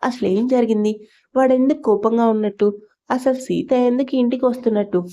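A woman's voice: on the high side, a little fast, mellow, natural voice. A woman voicing a stern, commanding middle-aged mother-in-law in a storybook narration. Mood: indignant.

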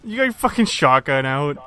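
A young man talks over a headset in party chat while gaming, sounding exasperated, laughing a lot and cursing. His voice is fairly high-pitched, bright and pushed, with a bit of background noise.

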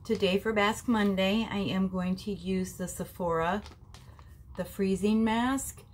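Her voice is mid-range and steady, a bit slow, with a congested, nasal quality from a cold: a beauty vlogger in her forties talking through a face mask in a relaxed skincare video. She speaks to viewers like family, with frequent ums, from a small bedroom at home. Slight background noise comes through the camera set in front at desk distance.

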